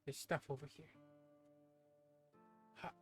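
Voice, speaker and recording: A man's voice: slow pace, a bit bright, faint music behind. A man streaming a game, chatting casually, rambling and swearing offhandedly. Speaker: gaming streamer. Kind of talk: let's play commentary.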